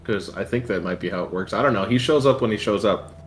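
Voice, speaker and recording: A man's voice: fairly low pitch, quick pace, soft background music. A man playing a tabletop game, talking in a rambling, joking way full of hedges. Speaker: player. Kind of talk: casual tabletop play.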